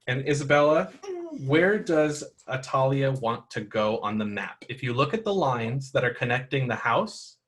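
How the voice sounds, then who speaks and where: A man's voice: mid-range voice, lively intonation, normal speed, fairly bright tone. Patient man guiding kids through a game. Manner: patient, encouraging, explains rules step by step. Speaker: game master. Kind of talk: narrating a tabletop game for children.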